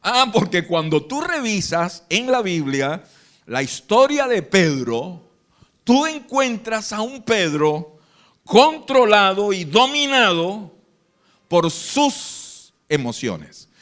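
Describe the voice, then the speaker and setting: A man with a Venezuelan accent preaching a lively sermon live in church, acting out the Bible scenes in different voices. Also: high-pitched, slow. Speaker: pastor. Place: church hall.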